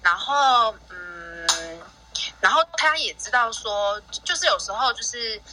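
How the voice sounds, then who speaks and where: A woman's voice: medium pitch, expressive, slow pace, sharp tone, low-quality recording. A mother sharing a parenting story in a casual, rambling way, with many restarts and fillers. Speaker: guest parent. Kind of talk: casual sharing on a live audio chat.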